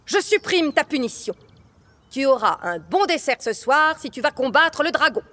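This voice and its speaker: A woman voicing a bossy, hot-tempered king who shouts commands in a storybook reading. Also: high voice, sing-song, moderate pace, pitched above the performer's own voice. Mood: bellowing. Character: hot-tempered bossy old king, loud, easily exasperated.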